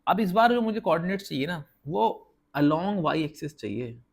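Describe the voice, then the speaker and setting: A man's voice: fairly high pitch, expressive, creaky. A man teaching a casual whiteboard math lesson, explaining step by step and often checking that viewers follow. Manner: counts slowly while drawing.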